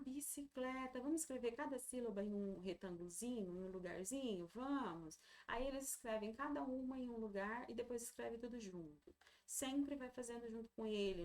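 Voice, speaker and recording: Encouraging woman teacher. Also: a little high. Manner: warm, encouraging, slows and sounds out syllables. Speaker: literacy teacher. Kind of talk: walking parents through a literacy workbook.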